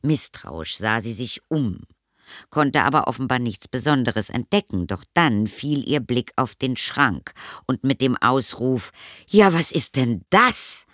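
A man reads a children's story aloud at an unhurried pace, his voice moving expressively up and down. The recording is close and dry, with no room sound. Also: mid-range voice, animated, a bit bright, no echo. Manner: measured storytelling. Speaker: narrator. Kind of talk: audiobook narration.

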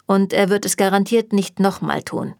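A woman's voice: medium pitch, normal speed, vocal fry, darkish tone, no room sound, clean studio sound, natural voice. A woman reading a German audiobook, voicing a cocky, blunt young male demon hunter with a teasing way of talking.

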